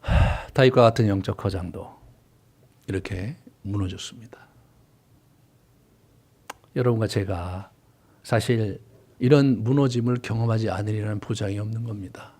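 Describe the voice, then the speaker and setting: A male pastor preaching a sermon, swinging from loud emphasis to hushed whispers. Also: lowish voice, normal speed, long pauses, slightly rough. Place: church sanctuary.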